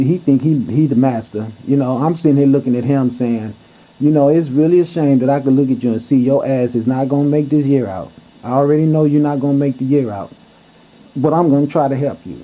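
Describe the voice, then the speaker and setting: A man telling a story to camera in a blunt, heated way, cursing freely as he goes. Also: medium pitch. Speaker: vlogger. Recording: dull lo-fi recording.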